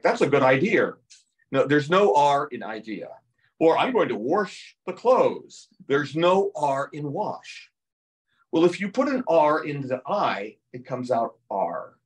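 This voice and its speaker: Older male history lecturer, animated storyteller, heard from across the room. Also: mid-range voice. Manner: lively storytelling, acts out quotes in playful voices. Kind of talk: museum lecture with slides. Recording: voice heard from a distance.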